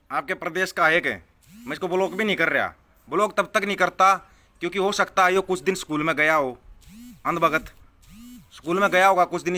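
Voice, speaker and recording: Fairly high-pitched, pushed and bright, this man's voice carries an angry live political rant aimed at his viewers. Replying to their comments as a vlogger, he is scornful and heated, driving points in through repetition.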